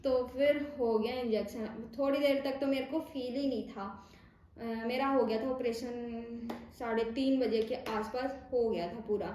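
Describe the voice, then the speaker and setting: A young woman with a Rajasthani accent tells a personal story in a loose, chatty way, acting out what others said and often calling her listeners "bhai". Her voice sits high. It rings through a very echoey room over a faint hum of ambient noise. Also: steady tone, normal speed, mellow. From India. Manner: chatty, retells dialogue, frequent "bhai". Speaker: vlogger. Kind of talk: casual storytelling.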